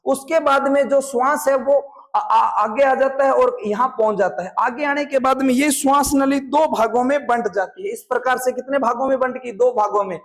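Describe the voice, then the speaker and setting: A man's voice: extremely high pitch, normal speed. A man with a Rajasthani accent teaching a classroom biology lesson, often quizzing his students and drilling terms by repetition. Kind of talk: classroom lecture.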